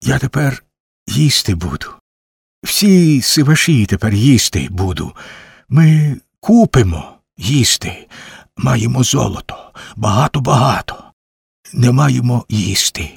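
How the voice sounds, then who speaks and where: A man voicing a starving native chief who pleads in slow, broken speech. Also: mid-range voice, animated, creaky, breathy edge, dry recording, studio quality, heavily acted. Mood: pleading. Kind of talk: audiobook character voice.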